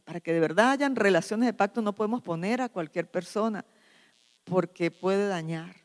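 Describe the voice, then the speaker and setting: A woman pastor teaching a sermon, often checking in with her listeners by asking "¿sí?". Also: mid-range voice. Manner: slow, questioning the congregation with repeated "¿sí?". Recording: long hall reverb.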